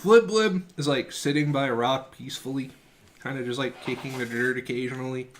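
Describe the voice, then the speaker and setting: A relaxed man running a tabletop game, describing the scene in a halting, filler-heavy way. His voice is mid-pitched, with a faint hiss of noise behind it. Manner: easygoing, halting, many fillers. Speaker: game master.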